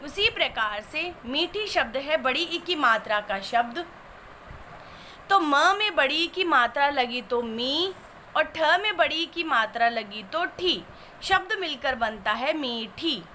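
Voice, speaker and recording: A woman's voice: high voice, animated, slow, pushed and bright, a little hiss or hum. A woman teaching a spelling lesson, patiently breaking each word into its sounds step by step.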